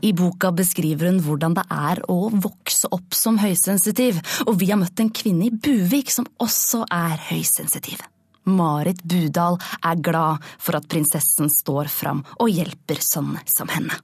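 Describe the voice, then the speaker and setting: Lady playing a deadpan radio host, husky and kinda low, dry. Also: no room sound. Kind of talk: comedy sketch, parody news radio.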